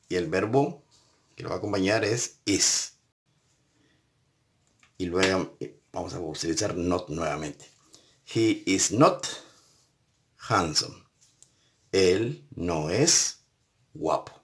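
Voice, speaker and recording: Man, unhurried, lowish voice, patient step-by-step teacher. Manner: patient, repeats and spells out each step. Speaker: English teacher. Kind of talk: recorded classroom lesson.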